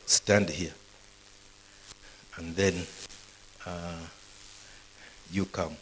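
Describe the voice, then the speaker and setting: A pastor preaches a live sermon at a university gathering, quizzing the students with questions as he goes. His low voice is steady and very slow, and the low-quality recording carries a little hiss or hum.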